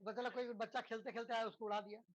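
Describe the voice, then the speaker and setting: A male teacher gives a relaxed physics lesson to students. He keeps checking in with tag questions and leans on rhetorical questions and everyday examples to make his points. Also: very high voice, rapid-fire, highs cut off. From India. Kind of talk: lecture to students.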